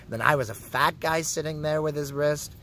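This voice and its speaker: A man's voice: on the high side, brisk, sharp tone, slight background noise. Sarcastic, foul-mouthed Canadian man ranting. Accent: Canadian English. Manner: profane, sarcastic storytelling. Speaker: vlogger. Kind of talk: casual rant to camera.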